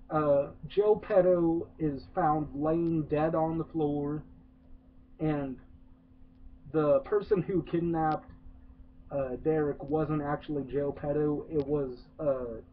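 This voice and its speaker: A man's voice: on the high side, fairly even intonation, slow pace, long pauses. A man ranting through a sarcastic movie review, rambling with lots of "uh"s and swearing. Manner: rambling, profane, many filler "uh"s, sarcastic. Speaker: film reviewer. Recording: tinny phone-like lo-fi.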